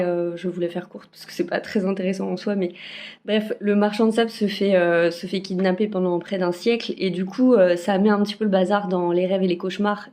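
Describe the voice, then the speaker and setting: Hesitant woman, warm mellow voice. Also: medium pitch. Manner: hesitant, many fillers and restarts. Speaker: spiritual card reader. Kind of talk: casual weekly energy forecast. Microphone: phone camera.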